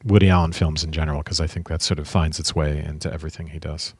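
A man's voice: rumbling low, little pitch movement, fast talker, slightly rough, no room sound, studio quality. A man co-hosting a podcast, chatting casually about films and thinking aloud as he goes. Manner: musing, thinks aloud with restarts. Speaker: podcast co-host.

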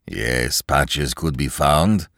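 A blunt, unbothered old tailor, as a man acts him out, flatly dismissing every plea. His voice sits low and rumbling. The recording is close and dry. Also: very slow, no room sound, exaggerated voice. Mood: blunt, dismissive. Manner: blunt, decisive. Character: gruff one-eyed older male tailor, composed.

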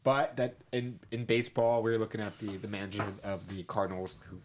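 American man talking sports, slightly low voice. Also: fairly even intonation, a little fast. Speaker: sports podcast co-host. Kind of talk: casual sports talk.

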